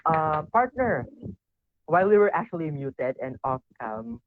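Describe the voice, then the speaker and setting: A man's voice: a little high, animated, a little slow. A man hosting an online event politely, mixing in courtesy words. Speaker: event host. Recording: tinny call line with faint noise.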